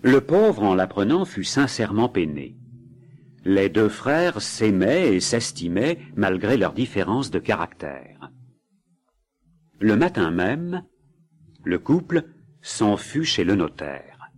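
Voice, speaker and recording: Brief: male narrator for a spoken tale, slow, lively pitch, husky. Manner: expressive, dramatic. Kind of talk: storytelling reading.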